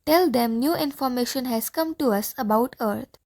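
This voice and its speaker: A woman's voice: on the high side, moderate pace, vocal fry, a little mellow. A woman reading the part of a pompous, bossy male Martian leader in an audiobook play, with a commanding, easily alarmed manner.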